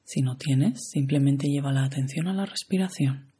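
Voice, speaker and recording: A guide with an accent from Spain talks listeners through a yoga nidra meditation, soft and unhurried. The voice is mellow, heavily breathy and husky, and it often sinks into a whisper. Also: mid-range voice. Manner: soft, slow, calm, drifting into whispers.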